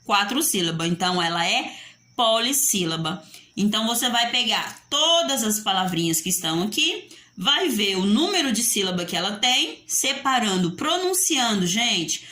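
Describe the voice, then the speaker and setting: Speaking with a Brazilian Portuguese accent, this woman teaches young children through a video lesson, asking and answering their questions in a lilting, teacherly voice. She sounds very animated, with a mid-range pitch, a moderate pace and a sharp edge.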